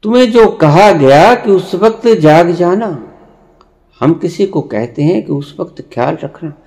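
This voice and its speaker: Male spiritual teacher, slow sermon delivery, lively rising and falling pitch, stern lecturing tone. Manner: slow, deliberate, with long pauses and sudden emphatic rises; rebuking, lecturing the listeners directly. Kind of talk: spiritual discourse.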